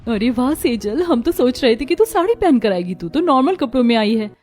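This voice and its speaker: A woman voicing a young daughter-in-law and a sulky daughter in a cartoon, gentle or sharp by turns. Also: fairly high pitch, very animated, a little fast.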